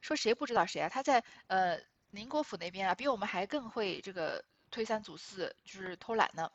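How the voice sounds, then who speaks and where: Woman reading a classic novel and explaining it, lots of little uh pauses, dry close sound. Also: medium pitch, animated, no echo, muffled recording. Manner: explanatory, with frequent hesitation fillers. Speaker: literature explainer.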